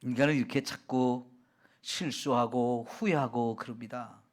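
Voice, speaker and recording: A male pastor giving a sermon, retelling the story in a lively, colloquial way and asking the congregation questions. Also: mid-range voice, a little slow.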